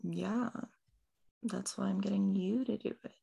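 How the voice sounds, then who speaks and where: A woman's voice: medium pitch, fairly even intonation, measured pace, creaky, warm tone, breathy edge, heavily acted. A woman voicing a lazy, scheming young woman, casual and offhand.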